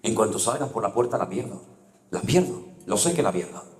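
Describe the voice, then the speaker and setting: A middle-aged man preaching a sermon as a pastor, telling personal stories with emotion and sudden leaps in pitch. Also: lively intonation, brisk. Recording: echoey room.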